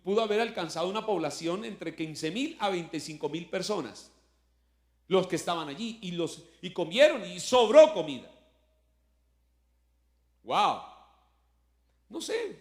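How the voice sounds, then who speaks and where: A male pastor preaches in a notably high voice. He talks to the congregation conversationally, full of rhetorical questions, and swells with force when he quotes scripture. The recording sounds echoey, as in a roomy hall. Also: very animated, moderate pace, long pauses. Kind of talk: sermon.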